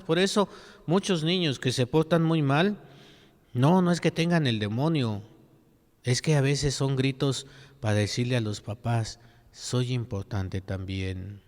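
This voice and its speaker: A priest preaching a sermon at mass, earnest and full of rhetorical questions. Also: male voice, fairly high pitch, in a large hall.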